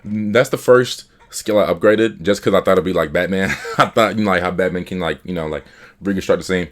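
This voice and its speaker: A man's voice: low-pitched, brisk. A young man casually reviewing a game he played, talking loosely with slang, laughter and half-finished restarts. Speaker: gaming YouTuber.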